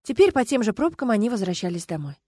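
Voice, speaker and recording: A woman narrating an audiobook in an even, measured way. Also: a little high, husky, no room sound. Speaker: audiobook reader.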